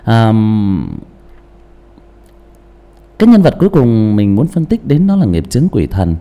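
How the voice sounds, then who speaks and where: A male audiobook narrator talks casually about character voices in a fairly low, unhurried voice. He's animated, often repeating and restarting phrases and throwing rhetorical questions at the listener.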